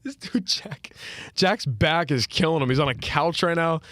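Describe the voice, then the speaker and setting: A man's voice: a little high, animated, normal speed, a bit bright, no echo, studio quality. A man hosting a sports podcast in casual chat, rambling with lots of fillers and restarts. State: hiccuping. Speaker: podcast host.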